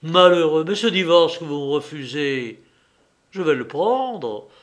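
A man's voice: on the high side, sing-song, unhurried. A man voicing an impassioned, grandiose suitor who threatens his rival, declaiming his lines with fervor.

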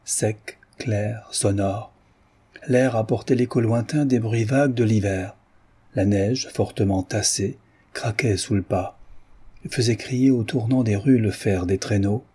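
Low, husky male audiobook narrator. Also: mellow. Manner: measured, descriptive reading. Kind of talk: scripted narration.

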